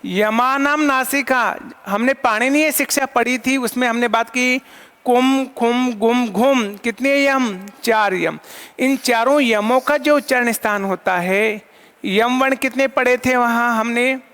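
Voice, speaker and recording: A man's voice: very high-pitched, a little slow, a bit bright. A man teaching an online lesson, asking questions and answering them himself and counting items aloud. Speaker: Sanskrit teacher. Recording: long hall reverb.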